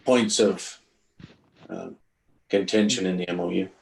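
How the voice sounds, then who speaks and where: A person chairing a committee meeting in a brisk, friendly way. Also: deep voice, animated, creaky, reverberant.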